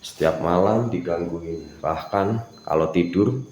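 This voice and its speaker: Deep-voiced man commanding a spirit. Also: slow pace. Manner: commanding, bursts between loud orders and hushed whispers. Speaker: paranormal ghost-hunting vlogger. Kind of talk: confrontational ghost interrogation. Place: empty house at night. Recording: echoey empty room, faint ambient noise.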